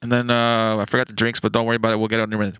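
A man voicing a bored male fast-food cashier on a drive-thru intercom, talking in flat service patter, his voice deliberately muffled as if heard through a wall. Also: on the low side, smooth, no room sound. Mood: routine. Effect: deliberately muffled, as if heard through a wall or speaker box. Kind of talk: comedic podcast role-play.

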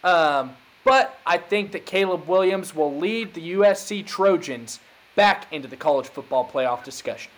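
A man's voice: high-pitched, lively intonation, normal speed, fairly bright tone. A man hosting a podcast, talking college football in a hyped, emphatic casual way. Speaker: podcast host. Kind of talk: casual sports chat.

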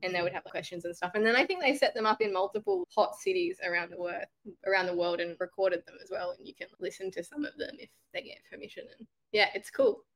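Woman cohost, kinda hoarse from being sick, chatty and upbeat, says like a lot. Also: mid-range voice, expressive, fast. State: hoarse from a cold. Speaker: podcast co-host. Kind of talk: casual podcast chat.

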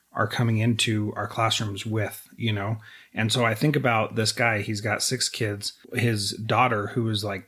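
A man's voice: fairly low pitch, fairly bright tone. A man hosting an education podcast, talking earnestly and at times emotionally. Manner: earnest, emotional, speaks in quick bursts. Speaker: podcast host. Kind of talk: conversational interview.

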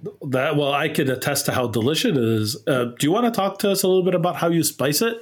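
Guy hosting a laid-back interview, friendly, easy-going, kinda high voice, laughs a lot. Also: quick pace. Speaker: host. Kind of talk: casual interview.

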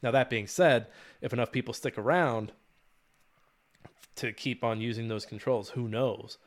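A man's voice: medium pitch, unhurried. A man co-hosting a gaming podcast, chatting casually and animatedly, swearing and laughing often. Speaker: podcast co-host. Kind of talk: casual chat.

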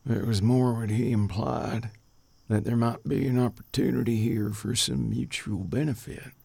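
A man voicing Maddox, a sly, easygoing young male drifter, in a raspy, gravelly voice. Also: medium pitch, fairly even intonation, moderate pace, a little mellow, dry recording, pitched above the performer's own voice. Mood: wheedling.

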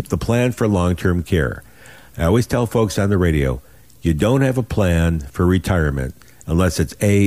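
A man in his sixties with a deep voice hosts a money show on radio. He sells in a folksy, urgent way, leaning on his points and repeating them. The sound is close and dry. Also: darkish tone, no echo. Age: 60s. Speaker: financial radio show host. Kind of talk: radio sales pitch talk.

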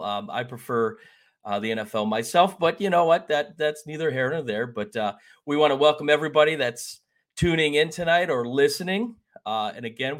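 A man's voice: medium pitch, a bit bright. Folksy, rambling male podcast host. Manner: folksy and rambling, with many fillers and restarts. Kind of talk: casual sports podcast chat.

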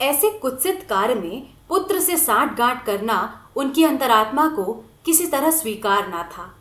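A woman reading a novel aloud with expressive storytelling. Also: a little high, a little slow. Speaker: narrator. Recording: echoey room.

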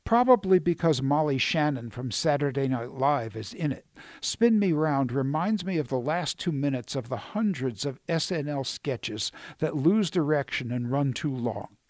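A man's voice: mid-range voice, expressive, normal speed, a little mellow, no room sound. A man delivering a scripted radio film review in a dry, wry, critical manner.

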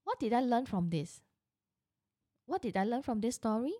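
Middle-aged woman, real estate agent; earnest storytelling monologue, soft warm tone, dry close recording. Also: a little high, very animated, moderate pace, no room sound. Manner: earnest, frequent restarts and self-corrections.

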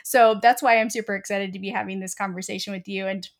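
A woman hosting a podcast interview, upbeat and quick-talking. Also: medium pitch, fairly even intonation. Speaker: podcast host.

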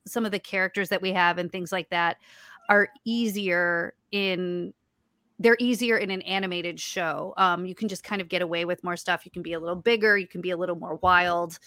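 Her medium-pitched, childlike voice has a bit of brightness as she chats casually as an interview guest about her writing and voice work. Chatty and prone to fillers, she frequently restarts what she's saying. The studio sound is clean, without echo.

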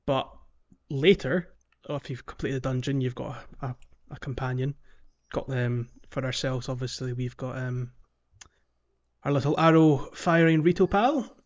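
Heard through dull audio, a man with a mid-range voice talks at a moderate pace. He hosts a podcast and wanders casually through video game topics, chatty and unsure at times.

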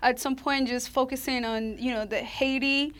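A woman's voice: high-pitched, fairly even intonation, moderate pace, fairly bright tone. A woman from Colombia, a musician in a band, telling her story in a casual interview with lots of "like" and "you know". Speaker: band member, violinist.

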